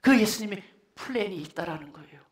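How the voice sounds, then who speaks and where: A male pastor preaching a sermon in a church, emphatic and exhorting, at times dropping into quiet asides. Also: sits high, lively intonation, fast. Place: church sanctuary. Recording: echoey church hall.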